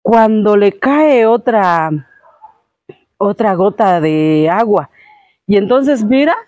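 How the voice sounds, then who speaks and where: A woman with a mid-range, somewhat dark voice speaks slowly with lively intonation, and the recording is dry and muffled. She's a show host casually retelling a fairy tale in a homely way, packed with fillers.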